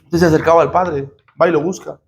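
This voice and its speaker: A man's voice: fairly high pitch, fairly even intonation, fast talker. A man preaching a sermon to a congregation as pastor, emphatic, with rhetorical questions and call-and-response. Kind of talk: sermon teaching.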